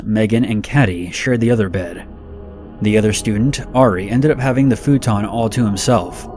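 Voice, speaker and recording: A man narrating a scripted horror story in a steady, measured reading. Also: lowish voice.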